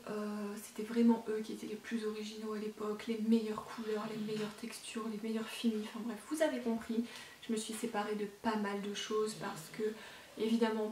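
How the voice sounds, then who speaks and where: A woman's voice: fairly high pitch, darkish tone, echoey room, recorded from a distance, slight background noise. A woman beauty vlogger chatting casually to camera about her makeup collection, rambling with lots of fillers and self-corrections.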